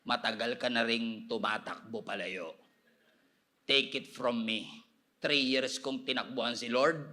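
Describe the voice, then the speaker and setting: A man preaching a sermon as pastor, animated and humorous, moving between soft asides and loud cries. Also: mid-range voice, measured pace. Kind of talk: live church sermon. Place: church service before a congregation.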